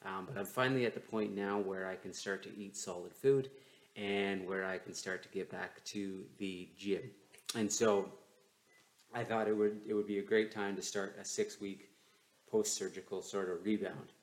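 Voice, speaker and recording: A man's voice: sits low, steady tone, normal speed. A man hosting a casual solo podcast, his enunciation slightly stiff from a sore, numb jaw. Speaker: podcast host. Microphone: newly bought microphone, not laptop mic. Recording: roomy, echoey home microphone recording.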